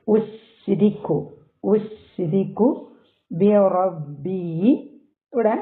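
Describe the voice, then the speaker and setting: A man teaching a Quran recitation and tajweed lesson, explaining step by step and slowly stretching out the Arabic words. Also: high-pitched. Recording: tinny phone-like recording.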